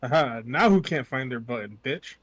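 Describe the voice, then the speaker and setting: A man chatting casually with a friend on voice chat, teasing and swearing, quick to laugh. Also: mid-range voice, animated. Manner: teasing, profane, laughs easily.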